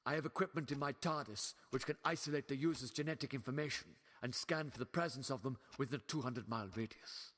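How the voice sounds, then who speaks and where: An actor playing a wry, authoritative older time-traveling doctor in a fan audio drama, with a theatrical delivery. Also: male voice, mid-range voice, quick pace, hardly any pauses, a bit bright, big-room sound, close to an everyday voice. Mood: explaining, absorbed.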